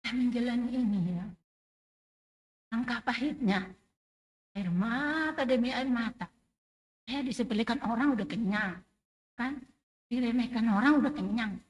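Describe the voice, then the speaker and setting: A woman's voice: a little high, measured pace, pauses often, poor audio. A middle-aged woman giving an emotional, emphatic testimony in a church service. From Indonesia. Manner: emotional, emphatic, rising and falling loudness. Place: church sanctuary.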